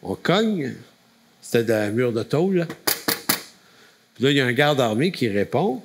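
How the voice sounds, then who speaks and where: A man's voice: mid-range voice, big pitch swings, moderate pace, background noise. A man with a Quebec French accent telling a testimony story as a camp speaker, folksy and full of restarts.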